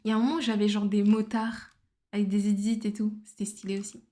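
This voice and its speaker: A fast-talking woman with a warm, level, medium-pitched voice streams herself drawing and chats casually. She mixes English phrases into her speech and mutters to herself as she goes.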